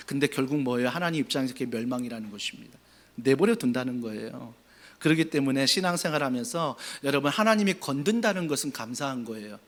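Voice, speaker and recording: A high-pitched male pastor preaching a Sunday sermon in a church. His voice is bright and forceful, with wide, animated swings in pitch. His delivery moves from soft, low passages to loud, emphatic ones. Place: church sanctuary.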